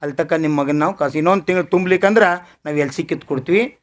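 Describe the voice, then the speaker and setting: A man voicing a harsh female school principal who scolds and shouts. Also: on the high side, fast talker, close to an everyday voice. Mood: scornful. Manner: shouting, contemptuous.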